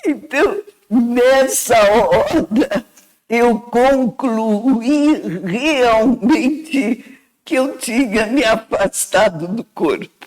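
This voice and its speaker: Slow, earnest Brazilian woman telling her story. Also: on the high side, expressive, a little mellow, rough recording. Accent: Brazilian Portuguese. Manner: earnest, reflective, often adds "né". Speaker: guest sharing a personal testimony. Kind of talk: emotional first-person storytelling.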